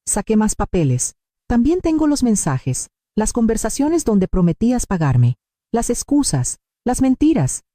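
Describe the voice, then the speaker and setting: Woman, first-person story narration, very dark voice, dry close sound. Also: fairly high pitch, very animated, a little slow, no echo.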